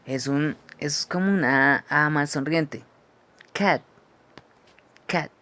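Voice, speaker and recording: A man teaching English phonetics, who explains each symbol slowly and keeps checking with "¿sí?". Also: on the high side, bright, forceful tone. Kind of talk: phonetics lesson.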